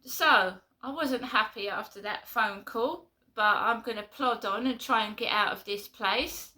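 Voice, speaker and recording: A woman's voice: fairly high pitch, unhurried, pushed and bright. A woman with a London accent venting to camera in a casual vlog, exasperated and repeating herself in short bursts. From London, England. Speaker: vlogger.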